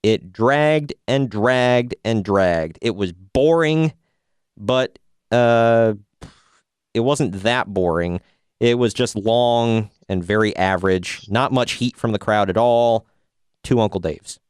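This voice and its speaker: A man's voice: lowish voice, slow, darkish tone, clean tone, no echo, studio quality. A man co-hosting a podcast, giving a sarcastic, rambling recap in casual chat. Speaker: podcast co-host.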